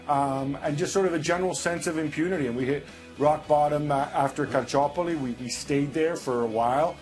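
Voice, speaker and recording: A man from Italy giving thoughtful, measured football analysis in a casual panel chat. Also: on the high side, a little mellow. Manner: thoughtful, measured, with many fillers. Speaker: football pundit.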